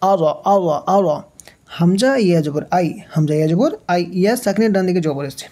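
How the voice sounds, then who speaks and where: Guy teaching quran reading, spells out every letter, asks then answers himself, warm mellow tone. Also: sits high, fairly quick. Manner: drills letter by letter, asks and answers his own questions; stretches chanted recitation of verses. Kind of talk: step-by-step Quran reading lesson.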